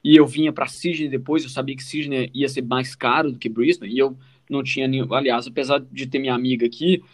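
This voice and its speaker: This Brazilian Portuguese-accented podcast co-host speaks briskly, his medium-pitched voice keeping a steady tone. He tells his own story in an informal, casual way, often pausing on little check-in questions.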